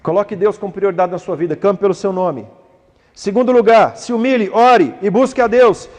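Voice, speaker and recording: A man's voice: high-pitched, moderate pace, a little mellow, big-room sound. A man preaching a sermon, acting out prayers and dialogues and rising to fervent pleading. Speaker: pastor.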